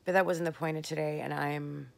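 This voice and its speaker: Worn out woman rambling into her vlog late at night, really gravelly, words a bit slurred. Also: deep voice, steady tone. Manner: candid, rambling, with soft pauses. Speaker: vlogger.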